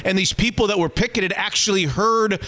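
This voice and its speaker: A male interview host asking questions with eager, excitable reactions. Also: high-pitched, a little fast. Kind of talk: interview hosting.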